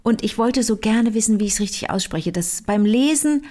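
A woman retelling a novel in casual chat, lively, with many fillers and restarts. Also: fairly high pitch, moderate pace.

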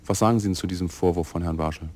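Deep-voiced radio interviewer asking pointed questions. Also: male voice, fairly even intonation, very fast, darkish tone. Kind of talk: broadcast interview. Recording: dry archival radio recording.

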